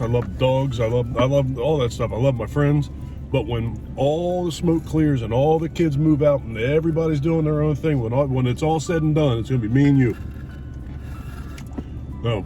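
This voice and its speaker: A man's voice: medium pitch, mellow, distant mic. A middle-aged man vlogging in a casual, candid way as he chats over a meal, speaking bluntly and reflectively with some swearing. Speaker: YouTube vlogger. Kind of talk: casual, candid chat to camera and companion while eating.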